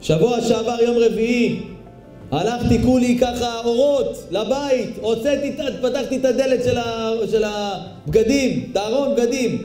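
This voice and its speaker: A man voicing a frightened, tearful woman who begs a rabbi for a blessing, in a high, strained voice. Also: mellow. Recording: echoey room with faint music.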